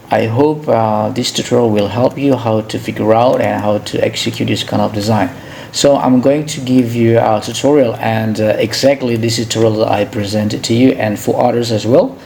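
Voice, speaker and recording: An Indonesian man hosts an informal software tutorial, narrating hesitantly and haltingly with frequent repetition. His medium-pitched voice carries vocal fry and an Indonesian accent, with slight background noise.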